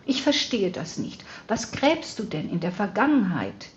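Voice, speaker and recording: A woman's voice: mid-range voice, wildly swooping pitch, measured pace, slight background noise. A woman voicing a worried, fussing elderly mother who talks in a fretful, insistent way, on slightly dull audio.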